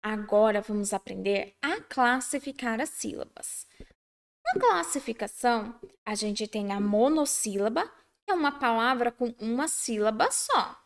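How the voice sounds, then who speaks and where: A woman teacher gently addressing children in a recorded class. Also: fairly high pitch, lively intonation, unhurried, vocal fry.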